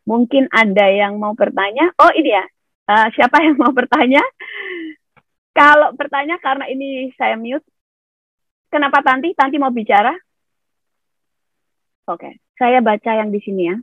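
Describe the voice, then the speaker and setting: A woman's voice: sits high, normal speed, pauses often, a bit bright, dry recording, muffled recording. A woman pastor preaching and hosting an online Q&A, asking the listeners rhetorical questions. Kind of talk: sermon and Q&A hosting.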